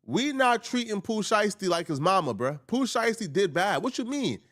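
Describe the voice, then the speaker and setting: High-voiced man ranting with jokes. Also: very animated, moderate pace, fairly bright tone. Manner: joking, slangy, ranting. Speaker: livestream host. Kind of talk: casual reaction commentary.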